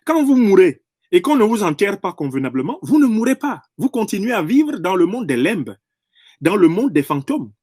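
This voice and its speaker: A man speaks in an emphatic, professorial monologue, rephrasing and repeating phrases to press each point. His voice sits high for a man and swings widely in pitch. The recording is dry and close, with no room sound. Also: sing-song, normal speed, a little mellow, no room sound. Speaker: political commentator. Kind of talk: impassioned political monologue.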